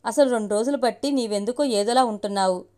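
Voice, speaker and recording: A woman's voice: fairly high pitch, fast talker, warm tone, natural voice. A woman reading the lines of a kind, teasing young man in a family story, in a light tone.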